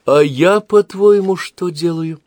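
A man's voice: fairly low pitch, big pitch swings, normal speed, darkish tone, no room sound, studio quality. A man reading aloud and voicing an indignant young mother who scolds her husband. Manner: exasperated, scolding.

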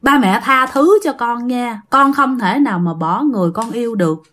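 A woman's voice: a little high, moderate pace, fairly bright tone, natural voice. A woman voicing the ghost of a drowned young man begging his parents' forgiveness. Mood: remorseful pleading. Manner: pleading, apologetic. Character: drowned young man's ghost, remorseful and devoted.

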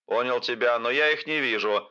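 Fields: a man voicing military officers over a radio, clipped call-and-response, dull lo-fi radio sound, bright tense tone. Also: medium pitch, brisk, clear, resonant tone. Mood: terse. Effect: radio transmission sound. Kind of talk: audiobook reading of radio exchanges.

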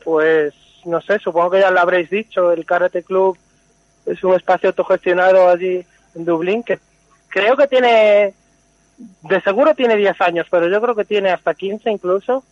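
A high-pitched man heard over the phone as a caller to a live radio show. He talks in an easygoing, halting way with plenty of fillers. The line sounds dull and muffled. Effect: over the phone, live call into a radio show. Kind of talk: casual chat.

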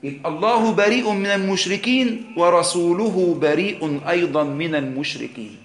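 A man's voice: high-pitched, normal speed, roomy sound. A man with an Egyptian Arabic accent teaching a religious lesson, explaining patiently, asking rhetorical questions, and mixing formal and colloquial Arabic. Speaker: sheikh teaching Quran exegesis.

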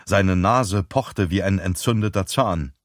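A man narrates a gripping thriller audiobook in a steady, measured way. His voice sits low, and the recording is dry and close, with no room sound. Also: no echo. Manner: tense, measured storytelling.

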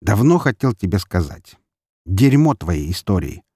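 Man doing a gruff cynical investigator. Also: lowish voice, very animated, measured pace, a little mellow, no echo, clean studio sound, exaggerated voice. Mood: irritable. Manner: irritable, sarcastic, grumbling. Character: weary cynical male senior investigator, irritable and gruff.

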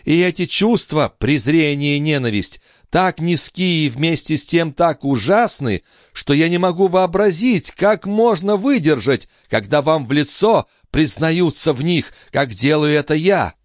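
A man voicing a proud young noblewoman, distraught and furious, crying out in a raised falsetto. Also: expressive, brisk, hardly any pauses, no room sound, studio quality, natural voice. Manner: shrieking, sobbing cries in a raised falsetto. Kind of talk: dramatic audiobook reading.

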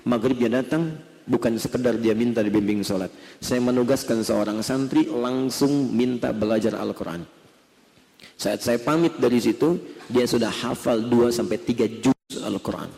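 A man's voice: medium pitch, moderate pace, creaky, warm tone. A man preaching a sermon, telling a story and speaking directly to the women listening. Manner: storytelling, addressing women listeners directly, acts out quoted voices. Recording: long hall reverb.

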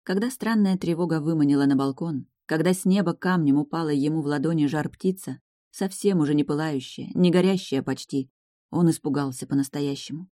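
A woman reading a fantasy romance audiobook aloud, in calm, measured storytelling. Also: low voice, no echo, clean studio sound. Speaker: narrator.

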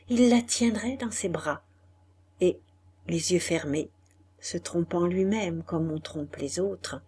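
A woman reading a classic novel aloud as an audiobook, soft and measured, often dropping nearly to a whisper. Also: fairly low pitch, husky. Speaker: audiobook reader. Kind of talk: literary audiobook narration.

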